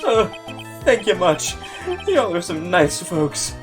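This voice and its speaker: A man's voice: extremely high pitch, lively intonation, measured pace, music in the background, voice pushed up. A man voicing a frightened young country bumpkin with a thick rural drawl. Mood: pleading.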